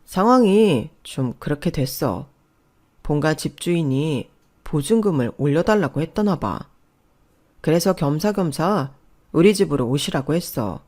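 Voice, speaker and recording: A woman's voice: sits low, darkish tone. A woman voicing a timid husband who stammers and hesitates.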